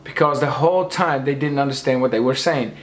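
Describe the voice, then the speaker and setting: This boxing commentator, his voice giving out, delivers an opinionated rant to camera, hammering home his points about boxing and lecturing viewers. The pitch is medium, the pace fairly quick, and the recording reverberant.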